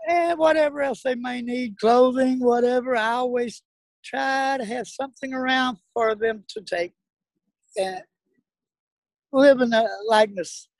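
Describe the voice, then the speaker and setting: This middle-aged guest from South Dallas, Texas has a very high voice and talks a little slowly, with no echo. He's earnest, emphatic and plain-spoken, mixing casual interview talk with preaching.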